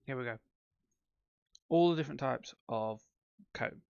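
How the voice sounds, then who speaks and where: A man's voice: mid-range voice, unhurried, vocal fry, a little mellow, clear, resonant tone, dry recording, muffled recording. A man giving casual, rambling commentary on his own gameplay, with frequent ums and self-corrections. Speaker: let's play host.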